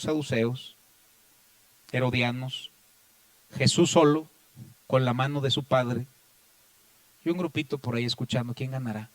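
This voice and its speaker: A Mexican pastor with a fairly high voice preaches a Bible study in a dry, close recording. He keeps calling his listeners brothers, rising to loud, forceful readings and then dropping into hushed asides. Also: dry recording. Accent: Mexican Spanish.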